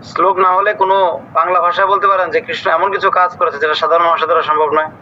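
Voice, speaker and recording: A man's voice: high-pitched, fairly even intonation, quick pace, highs cut off, a little hiss or hum. A man teaching an online scripture class, strict and scolding as he quizzes his students and corrects their pronunciation.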